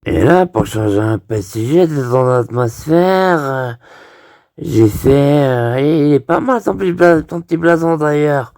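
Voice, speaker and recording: A man's voice: a little high, unhurried, darkish tone, no room sound, clean studio sound. A man telling a crude comic story off the cuff, rambling, full of restarts and hesitations. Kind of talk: improvised crude comic monologue.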